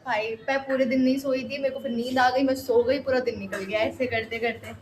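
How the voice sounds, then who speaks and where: A woman's voice: high-pitched, fairly even intonation, fairly quick. A young woman vlogging casually, bossy and teasing toward her younger brother. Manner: bossy big-sister scolding and teasing. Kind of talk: casual vlog chat. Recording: noisy phone audio.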